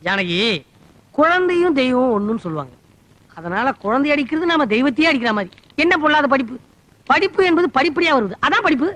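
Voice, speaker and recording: A quick-talking, playful father who teases his wife and spoils his boy. His lines come fast and light, in a film comedy scene. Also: very high-pitched, big pitch swings, sharp tone, full character voice. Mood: joking. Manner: teasing and playful.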